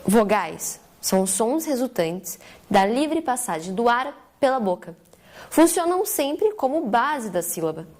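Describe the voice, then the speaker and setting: Woman, reads grammar definitions, animated pitch, textbook tone. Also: a little slow. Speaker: co-narrator. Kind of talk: scripted grammar lesson narration.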